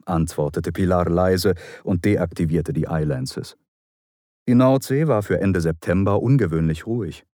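Deep-voiced male audiobook narrator. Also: warm tone, no room sound, clean studio sound. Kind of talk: scripted narration.

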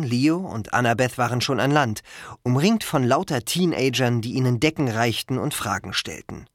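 An audiobook narrator reads slowly and steadily, with a lively melody that rises and falls through each sentence. The voice sits dry and close to the microphone, with no room sound. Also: medium pitch, no room sound. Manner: measured, storytelling. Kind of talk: scripted narration.

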